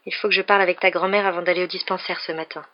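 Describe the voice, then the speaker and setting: A woman's voice: on the low side, steady tone, racing, dull audio, lightly acted. A woman voicing a tired, nervous young mother in a read-aloud novel, subdued and tense.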